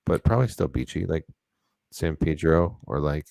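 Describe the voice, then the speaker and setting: A man's voice: rumbling low, expressive, normal speed, creaky, darkish tone, no room sound. A man co-hosting a podcast, talking in a loose, rambling, jokey way. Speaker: podcast co-host. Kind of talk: casual chat.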